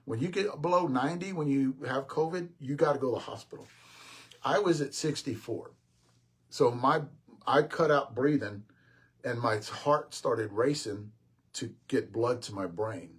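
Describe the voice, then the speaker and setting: Older guy chatting on a live stream, kinda husky, tells long rambly stories, keeps saying guys. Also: mid-range voice. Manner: rambling storyteller with restarts; addresses viewers as guys. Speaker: host. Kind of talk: casual live-stream chat.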